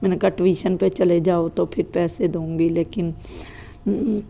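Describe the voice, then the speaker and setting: A woman's voice: lowish voice, fairly even intonation, moderate pace, vocal fry, mellow, low-quality recording. A woman, chatting casually in a home vlog and quoting her children. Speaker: mother and family vlogger.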